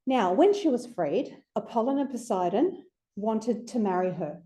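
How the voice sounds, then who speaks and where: A woman's voice: mid-range voice, expressive, normal speed, dark tone. A woman giving an informal lecture to a group, chatty and conversational with playful asides. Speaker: astrology speaker presenting to a group.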